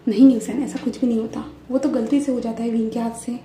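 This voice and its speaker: A woman's voice: a little high, little pitch movement, quick pace, warm tone, slight background noise, lightly acted. Deferential male assistant read by a woman, polite, echoey room. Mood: dutiful. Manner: deferential, helpful.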